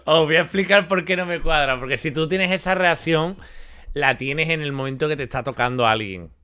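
Bright-voiced man reacting in disbelief. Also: on the high side, fairly quick, clear, resonant tone. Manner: incredulous, repeats his points for emphasis. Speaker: host reacting to a clip. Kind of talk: reaction commentary.

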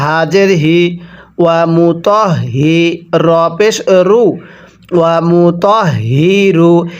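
A man with a Bangladeshi Bengali accent teaching Quran reading, spelling out each syllable and then chanting the joined words slowly. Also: high voice. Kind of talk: slow spelled-out recitation lesson.

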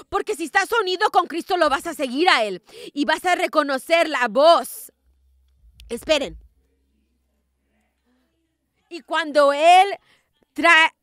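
A woman preaching a sermon as a prophetess, emphatic and rising to forceful declarations, who keeps asking the congregation whether they are with her. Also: high-pitched, dry recording, studio quality.

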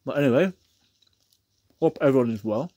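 A man's voice: mid-range voice, expressive, normal speed, dark tone, no echo. Give me a man talking with his mouth full. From England. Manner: rambling, repeats himself, enthusiastic about food. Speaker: food reviewer. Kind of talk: casual food review vlog.

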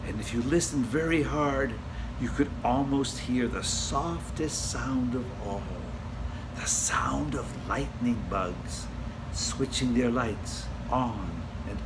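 In a mid-range voice, an older man tells the story of a children's picture book with gentle expression, lowering to a hush whenever it turns spooky. The reading was recorded at home in an indoor room, with a steady hiss underneath.

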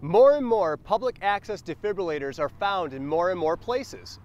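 An American man in his forties giving an emphatic, step-by-step instructional demonstration as a CPR instructor, speaking outdoors. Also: high-pitched. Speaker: CPR and first aid instructor. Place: outdoors on a roadside sidewalk.

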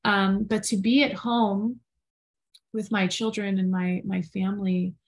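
A woman's voice: mid-range voice, level tone, measured pace. Earnest woman on a live stream. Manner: earnest, heartfelt, many fillers, reads viewer comments aloud. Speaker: podcast co-host. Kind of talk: live-streamed casual talk.

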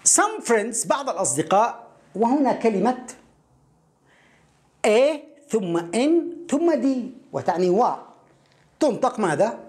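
A middle-aged woman teaching a beginner English reading lesson, patiently repeating each word slowly several times. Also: fairly high pitch, very animated, a little mellow.

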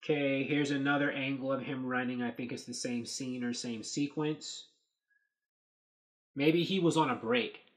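Here a man with a mid-range, fairly even voice talks at normal speed, the recording quality poor. He's a host rambling at his webcam indoors in a small dark room, thinking aloud through set photos with many fillers.

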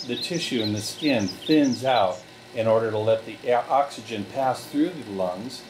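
A man leading a relaxation group through guided breathing, giving slow, calm step-by-step directions. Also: medium pitch, background noise.

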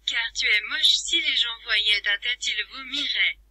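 A synthetic text-to-speech woman voice playing a cheeky translator app that taunts the viewers in a flat, computerized delivery. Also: on the high side, measured pace, dry recording, heavily acted. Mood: mocking. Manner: teasing, insults viewers as losers. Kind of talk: computer-voiced vlog bit.

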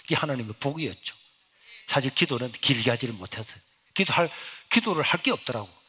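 A middle-aged male pastor, giving an emotional sermon testimony that swings from hushed to loud. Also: mid-range voice, lively intonation, fast talker, breathy edge.

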